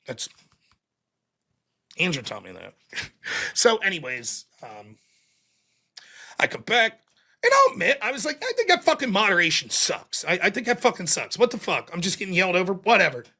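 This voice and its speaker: A man's voice: high-pitched, huge pitch swings, moderate pace, gravelly, long pauses, bright, forceful tone, slightly rough. A man streaming a heated, profanity-laced rant about a panel debate, talking indignantly and defensively. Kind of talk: heated ranting monologue.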